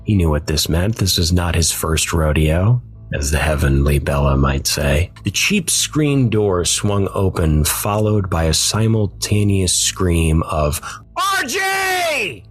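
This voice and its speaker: A man giving measured, somber scripted narration of a dark first-person story. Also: low voice, animated, husky, faint music behind.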